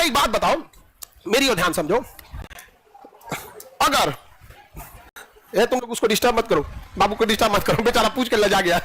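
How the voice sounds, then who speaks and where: A man's voice: very high voice, pushed and bright, slight background noise. A man teaching a classroom biology lecture, joking and teasing his students and laughing often.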